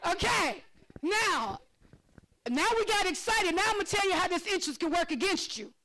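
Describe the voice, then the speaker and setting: A woman presenting a financial literacy workshop, lively and excitable, laughing often and calling on audience members by name. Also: extremely high pitch, moderate pace, rough recording. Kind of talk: interactive workshop teaching.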